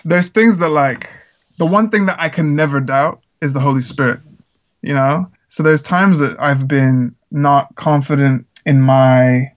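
A musician raised in the Czech Republic talks a little slowly in a voice on the high side, with the recording's highs cut off. As a guest in a relaxed interview, he's earnest and rambling, peppering his speech with fillers.

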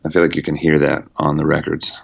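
A man with a low voice, a singer-songwriter guest talking casually and reflectively in an interview, with many "you know"s and "like"s. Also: completely flat delivery, fast, vocal fry, a bit bright, slightly rough, lo-fi sound. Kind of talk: relaxed conversational interview.

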